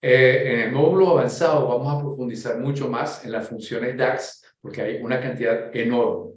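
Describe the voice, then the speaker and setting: A man's voice: mid-range voice, normal speed. Venezuelan man teaching in an echoey room. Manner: explanatory, checks in with listeners with 'ok?'. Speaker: course instructor. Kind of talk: webinar presentation.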